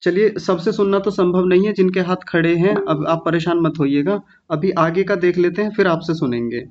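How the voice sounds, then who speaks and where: A man teaching Sanskrit recitation in an online class, patiently drilling each syllable slowly and repeating words. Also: high voice, background noise. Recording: dull lo-fi online class audio.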